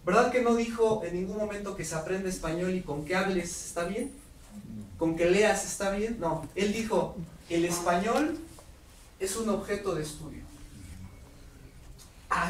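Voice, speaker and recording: A man giving a lively workshop lecture to teachers, putting questions to the audience. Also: high-pitched. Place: lecture hall. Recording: roomy hall audio from far off, faint noise.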